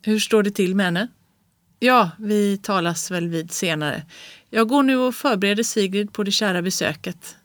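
A reader voicing an anxious middle-aged professor who speaks haltingly, in an audiobook of classic prose. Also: mid-range voice, a bit bright, no room sound, natural voice. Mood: uneasy. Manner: hesitant, halting speech.

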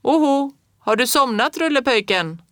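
A woman's voice: lowish voice, steady tone, dry recording, studio quality, lightly acted. A woman reading a storybook aloud, voicing a playful, teasing old male chimney sweep.

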